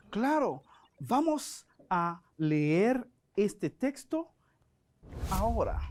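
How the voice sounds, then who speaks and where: Dominican man, French teacher, slow and deliberate delivery, animated intonation. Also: high voice. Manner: slow, deliberate, models pronunciation. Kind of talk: educational broadcast lesson.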